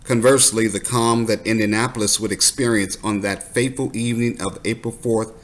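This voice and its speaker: A man's voice: lowish voice, steady tone, a little fast. A man reading scripted documentary narration.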